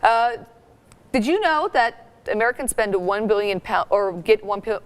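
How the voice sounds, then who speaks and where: A woman's voice: mid-range voice, lively intonation, moderate pace, clean tone. A woman co-hosting a morning news talk segment, chatting casually and reading out viewer comments. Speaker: morning show co-host. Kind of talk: casual live-stream chat.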